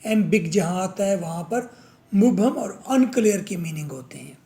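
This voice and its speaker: A man's voice: high voice, expressive, moderate pace, dark tone. A man teaching a vocabulary lesson, drilling words over and over and answering his own questions.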